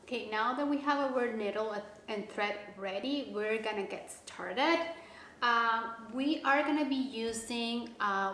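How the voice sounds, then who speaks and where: A woman giving a casual step-by-step craft tutorial, talking in a relaxed way with many fillers and restarts. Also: medium pitch. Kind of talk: casual how-to instruction. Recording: echoey room with faint background noise.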